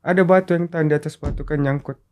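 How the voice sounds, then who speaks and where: A man's voice: on the high side, fast. A man recounting a mountain rescue in a casual interview, acting out quoted dialogue as he tells it. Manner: animated storyteller, acts out quoted dialogue. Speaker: rescue volunteer guest.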